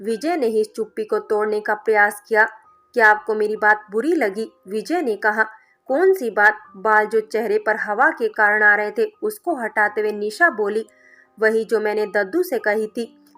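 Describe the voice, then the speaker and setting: A woman's voice: mid-range voice, normal speed, a bit bright. A woman reading a family story aloud as scripted narration, speaking every character's lines in her own voice. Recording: narration with background music.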